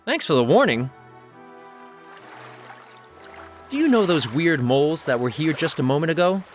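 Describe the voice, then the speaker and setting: A cocky young wizard from a comic adventure game. He grumbles sarcastically in a flippant, very animated voice over faint music. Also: a little high, quick pace. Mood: dry, flippant.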